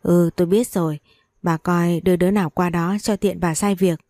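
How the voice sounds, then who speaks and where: A lecherous, drawling rich landlord, read by a woman. The voice is low and dark, with a slow, sly menace behind it. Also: fairly even intonation, dry recording, studio quality, natural voice. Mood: lazy, leering. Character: lecherous wealthy old landlord, male.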